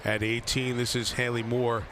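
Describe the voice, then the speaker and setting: A man's voice: mid-range voice, flat delivery, moderate pace. A man giving live golf tournament commentary in short, clipped broadcast phrases. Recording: crowd and outdoor noise behind. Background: spectators and outdoor course ambience.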